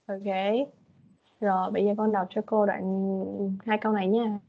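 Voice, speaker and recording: A woman teaching English to a young child online, patient and coaxing as she explains things slowly. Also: medium pitch, level tone. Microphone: video call. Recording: dull lo-fi video call audio.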